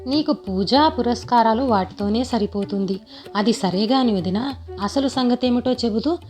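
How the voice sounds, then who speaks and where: A woman's voice: a little high, normal speed, a little mellow, soft background music, close to an everyday voice. A woman voicing a curious neighbour woman who keeps prodding for gossip.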